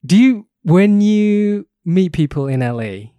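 A man's voice: sits high, very animated, takes it slowly, dark tone, clean tone, no echo. A man, hosting a podcast in casual chat and laughing often. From England. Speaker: podcast host.

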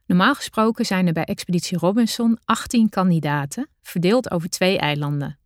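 A woman narrating her own adventure story in the first person, with a measured, deliberate reading style. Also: lowish voice, no room sound, clean studio sound.

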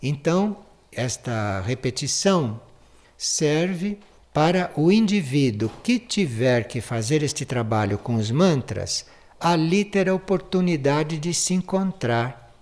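A man giving a spiritual lecture in a slow, measured and contemplative way, like a teacher. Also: on the high side, lively intonation, a little mellow.

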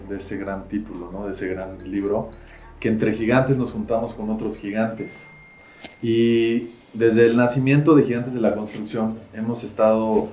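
A man's voice: on the low side, mellow, roomy sound, lo-fi sound. A man, hosting a podcast and asking long, rambling questions. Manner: rambling, filler-heavy questions. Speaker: podcast host. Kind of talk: casual interview talk.

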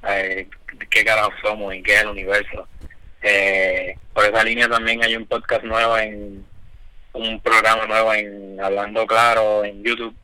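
A man's voice: on the low side, flat delivery, a little slow, sharp tone, no echo, rough recording. Laid-back man, dry sound. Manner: laid-back, loose slang, many fillers. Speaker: podcast co-host. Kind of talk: casual chat.

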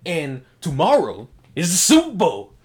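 Loud trash-talking podcast host man. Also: on the high side, huge pitch swings, a little slow, slightly rough. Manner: loud, boastful trash talk with lots of swearing. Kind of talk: casual podcast banter. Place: indoor room with friends.

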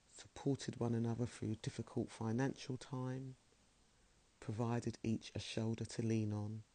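A man leading a guided meditation in a slow, soothing, soft-spoken way. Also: on the low side, no room sound.

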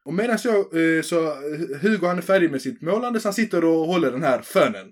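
A man's voice: a little high, lively intonation. A young man in his twenties telling a story in casual chat, acting out quoted voices and throwing in English swear words.

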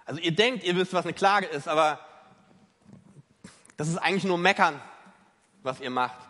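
A man's voice: fairly high pitch, moderate pace, bright, forceful tone. A man preaching a sermon, emphatic and questioning his listeners directly. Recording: long reverb of a large hall.

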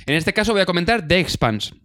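A man's voice: high-pitched, very animated, fast talker, sharp tone. A man, co-hosting a podcast in casual banter and presenting his section, rambling and correcting himself with jokes. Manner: rambling, self-correcting, jokey. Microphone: studio microphone.

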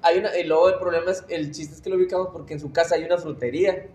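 Young mexican dude spinning a story, high voice, echoey room, little bit of hiss. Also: male voice, steady tone, very fast, a little mellow. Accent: Mexican Spanish. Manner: slangy, laughing storyteller acting out quoted voices. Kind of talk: casual chat.

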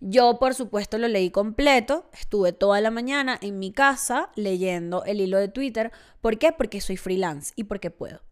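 A woman's voice: medium pitch, normal speed, hardly any pauses, clean tone. A woman in her twenties talking casually on her own podcast, chatty and self-mocking, often acting out the voices of people she quotes. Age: 20s. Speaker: podcast host. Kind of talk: casual solo monologue.

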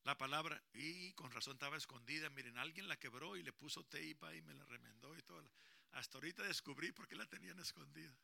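A man preaching as a pastor at a church service, animated and calling on the children and congregation to repeat after him. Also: a little high, fast, vocal fry, no room sound. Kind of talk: lively bilingual sermon to a congregation.

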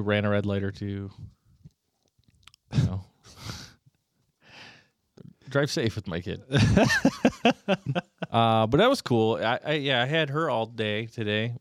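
A man, co-hosting a podcast in rambling, halting casual chat full of restarts. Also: on the low side, dry recording, studio quality. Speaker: podcast co-host.

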